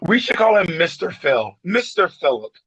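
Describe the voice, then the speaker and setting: A man's voice: high-pitched, very animated, normal speed, a bit bright, slightly rough, no echo, rough recording. A man co-hosting a podcast in casual chat, telling stories in a playful, joking way. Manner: playful storyteller, jokey. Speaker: podcast co-host.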